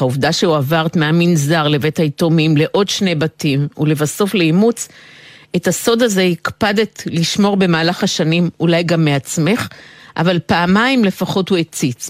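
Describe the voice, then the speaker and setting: A woman with an Israeli accent interviewing an author, putting long prepared questions in articulate, measured phrases. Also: low-pitched, dry recording.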